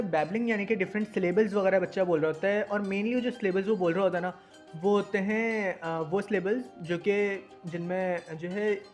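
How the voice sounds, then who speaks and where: A man's voice: sits high, a little mellow. A young man teaching in a casual discussion, explaining step by step and often checking that listeners follow. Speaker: teacher explaining language acquisition.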